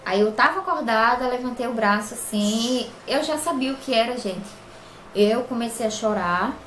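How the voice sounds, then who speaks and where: A young woman tells a personal story for her vlog, earnest and plainspoken. Her voice sits a little high. The room around her rings noticeably, with a faint background hum. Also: normal speed, fairly bright tone. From Brazil. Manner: earnest, plainspoken, emotional retelling. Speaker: crochet vlogger. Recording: echoey room with faint ambience.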